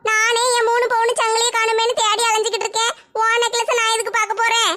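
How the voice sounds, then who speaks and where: Very high, bright-voiced woman in a village comedy skit. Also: level tone, quick pace, slight background noise. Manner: bickering, dramatic wailing. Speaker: skit performer voicing village women.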